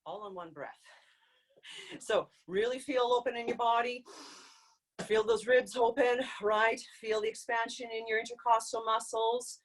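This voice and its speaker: Higher-voiced woman coaching singers on a video call. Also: fairly even intonation, measured pace. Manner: encouraging, demonstrates sounds with sudden loud hoots and calls. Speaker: vocal coach. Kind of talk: live online group singing lesson.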